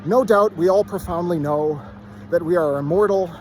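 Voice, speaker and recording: A man with a somewhat higher-pitched voice recites literary prose by rote. He delivers it from memory in short, measured phrases. A light layer of ambient noise sits behind the voice. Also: a little mellow.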